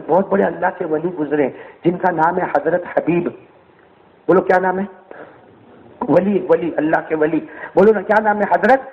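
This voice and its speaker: A male preacher delivering a storytelling sermon, often asking the congregation to answer back. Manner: rhetorical, keeps asking the crowd to answer back; storytelling with dramatic swings in pitch and loudness. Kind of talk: Islamic sermon. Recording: muffled, lo-fi, reverberant hall.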